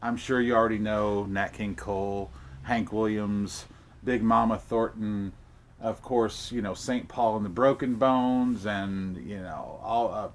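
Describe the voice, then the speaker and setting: A man's voice: on the low side, a little slow, slight background noise. A man hosting a casual music interview, chatty and enthusiastic, often stumbling and repeating words. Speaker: host.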